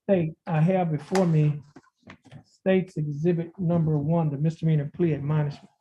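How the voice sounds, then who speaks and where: In a formal plea hearing, a male judge reads documents aloud in a measured, formal way, his flat voice slightly high. The courtroom recording is heard through a video call. The audio is dull and lo-fi, with a faint hiss.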